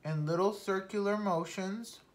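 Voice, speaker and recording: A young woman talking casually through her makeup routine at home, chatty and unfiltered, swearing offhandedly and sometimes dropping to a soft murmur. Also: mid-range voice, measured pace. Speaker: beauty vlogger. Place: at home, not in a studio.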